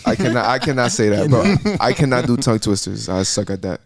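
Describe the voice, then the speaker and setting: A young Miami man, guesting on a podcast, talks about his music in a casual interview chat. His mid-range voice moves at a quick pace, and he rambles loosely, full of fillers and restarts.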